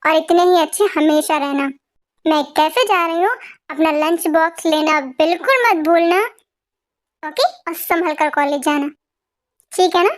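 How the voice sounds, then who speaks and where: A woman voicing a protective older sister who gently scolds and fusses like a mother. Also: extremely high pitch, unhurried, pauses often, pitched below the performer's own voice. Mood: affectionate. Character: caring protective older sister, runs a cafe. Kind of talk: Hindi fan dub story acting.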